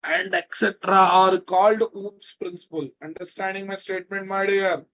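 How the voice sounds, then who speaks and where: Through a rough recording, a high-pitched, slightly bright male voice with little pitch movement delivers a live coding lecture at normal speed in a Telugu Indian accent. The teacher repeats himself and quizzes his students in a familiar, scolding way.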